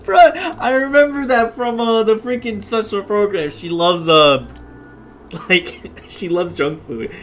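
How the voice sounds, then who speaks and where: A woman's voice: medium pitch, slow pace, background noise. A woman streaming a game, giving casual, slangy, sweary and blunt reaction commentary. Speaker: gaming streamer. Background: loud game music.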